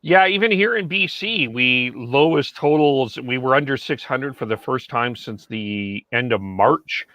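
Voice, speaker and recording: A man's voice: medium pitch, unhurried, few pauses, bright, forceful tone, dry recording, muffled recording. A man hosting a hockey podcast in casual chat, fumbling and poking fun at himself. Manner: fumbling, self-mocking. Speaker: podcast host.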